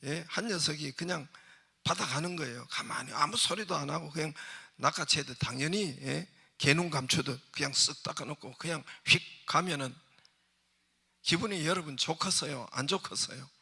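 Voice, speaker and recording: A man's voice: fairly high pitch, normal speed, creaky, bright, forceful tone, slightly rough. A man preaching a Sunday sermon as pastor, emphatic and constantly putting rhetorical questions to the congregation. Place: church sanctuary.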